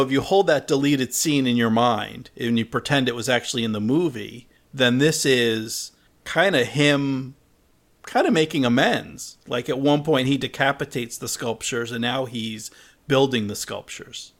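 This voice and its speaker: A man's voice: medium pitch, measured pace. Man explaining a film scene. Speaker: podcast co-host. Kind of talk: casual film discussion.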